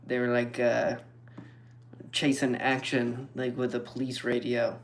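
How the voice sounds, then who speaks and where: A man streaming and chatting casually with viewers, relaxed and rambling. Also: mid-range voice, a little hiss or hum. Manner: relaxed, rambling, slow and even. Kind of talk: casual chat.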